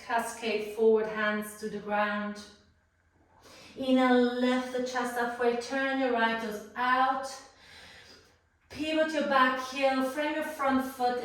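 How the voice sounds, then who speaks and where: Woman yoga teacher, slow unhurried cues, slightly higher voice, out of breath, very echoey room. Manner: calm cueing of breath and poses, playful asides. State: slightly out of breath from moving while talking. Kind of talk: guided yoga class instruction. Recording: roomy echo, voice far from the mic.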